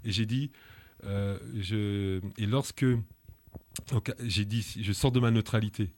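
A man from France, an activist guest, telling his story in an interview, halting and often restarting his words. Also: on the low side. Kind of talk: personal testimony in an interview.

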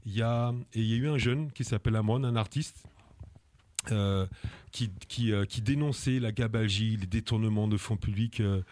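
The speaker is a French activist on a radio interview, with a fairly low, slightly mellow voice and a moderate pace. His tone is earnest and indignant, broken by many hesitations, fillers and restarts.

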